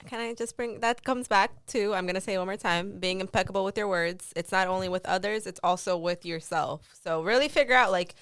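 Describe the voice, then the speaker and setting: A woman on a relaxed podcast, with a clear, smooth voice and a dry, close sound. She reflects earnestly, working through her thoughts out loud with small restarts. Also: mid-range voice, fairly quick, hardly any pauses, no echo. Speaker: podcast co-host. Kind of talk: casual podcast chat.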